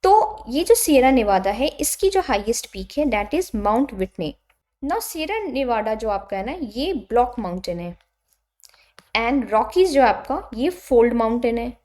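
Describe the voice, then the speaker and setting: High-voiced Indian woman teaching a lesson. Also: big pitch swings, unhurried, darkish tone. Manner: explains patiently and checks in with listeners. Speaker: exam coaching teacher. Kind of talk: explanatory lecture mixing Hindi and English.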